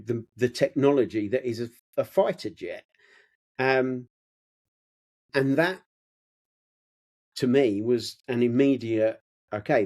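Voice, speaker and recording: A slow, unhurried man speaking on a podcast. He talks in a pensive, thoughtful way and often stops to restart a phrase while he looks for the right words. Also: medium pitch, a little mellow. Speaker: podcast co-host. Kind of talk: reflective podcast conversation.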